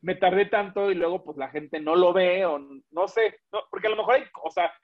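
Male guest, chatty and rambling, fairly high voice, dull lo-fi audio. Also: moderate pace. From Mexico. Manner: rambling, many restarts and fillers. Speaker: guest, illustrator and animator. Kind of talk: casual interview chat.

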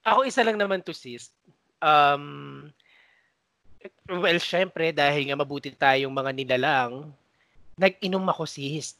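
A woman's voice: low-pitched, slow pace, long pauses, a bit bright, no room sound. A Filipino woman co-hosting a podcast, recalling old work stories in casual chat, laughing often and mimicking coworkers. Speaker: podcast co-host.

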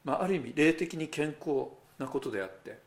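A man's voice: on the high side, expressive, a little fast, gravelly. A male pastor giving a sermon in a conversational way. He speaks straight to the congregation with rhetorical asides.

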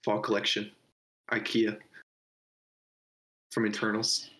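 A man's voice: on the low side, completely flat delivery, slow, a bit bright. A man co-hosting a podcast, chatting casually about a movie, rambling, laughing often and swearing loosely. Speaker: podcast co-host. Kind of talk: casual movie review chat.

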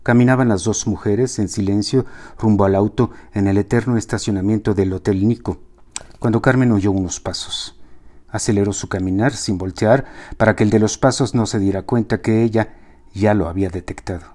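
A man reading a novel aloud in measured, expressive narration. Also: lowish voice. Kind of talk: audiobook narration.

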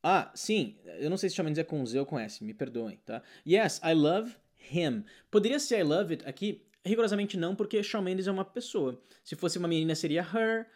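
Excitable man teaching English. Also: high-pitched, a little fast, few pauses. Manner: energetic, excitable explaining. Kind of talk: online English lesson.

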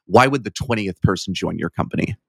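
A man with a lowish voice hosts a casual interview. He asks in an informal, curious and slightly self-deprecating way, recorded dry with little room sound. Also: animated, fairly quick, gravelly, no echo. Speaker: interviewer, podcast host.

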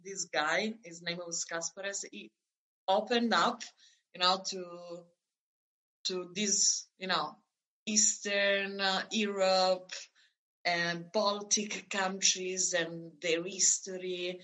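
A woman's voice: medium pitch, steady tone, slow pace, bright, forceful tone, low-quality recording. A woman in her thirties from Italy, telling her story as a guest in a conversational interview, hesitant with many fillers and restarts.

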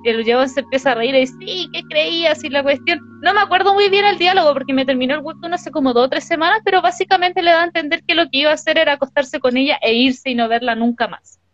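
A young Chilean woman with a high voice, talking casually and animatedly in heavy slang. She acts out snippets of dialogue as she retells a plot. Faint music plays under her voice. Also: fast, few pauses, lo-fi sound. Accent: Chilean Spanish. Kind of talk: casual chat recapping a story.

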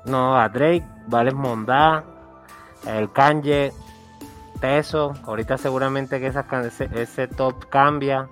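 A man's voice: medium pitch, steady tone, takes it slowly, a bit bright. A man with a Colombian Caribbean accent talking casually on a music podcast, emphatic and slangy, often repeating himself for emphasis. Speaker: podcast co-host or guest commentator.

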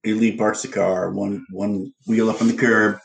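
A man's voice: lowish voice, flat delivery, moderate pace, creaky. A man co-hosting a casual chat about films. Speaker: podcast co-host. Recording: echoey, roomy sound.

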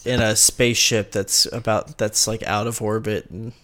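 A man's voice: lowish voice, flat delivery, normal speed, fairly bright tone. A man hosting a casual podcast about fights, easygoing and agreeable as he steers the talk along. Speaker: podcast host. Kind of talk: casual sports chat.

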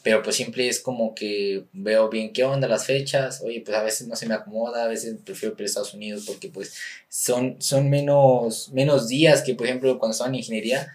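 Young man, Mexican accent, medium pitch, loose chatty interview guest, lots of fillers. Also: a little fast. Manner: relaxed, rambling, many fillers. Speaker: guest, professional boxer. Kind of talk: casual interview chat.

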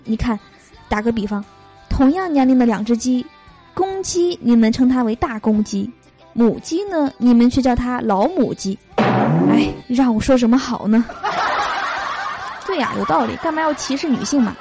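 A young woman hosting a podcast, reading jokes aloud and chatting between them with lots of drawn-out fillers. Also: fairly high pitch, animated, over loud music. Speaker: podcast host.

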